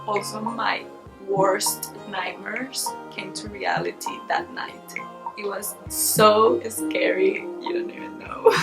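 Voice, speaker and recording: Slow, gravelly-voiced woman telling a story. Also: mid-range voice, poor audio. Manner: dramatic, builds tension and laughs between lines. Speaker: storytime vlogger. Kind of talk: casual spoken storytelling.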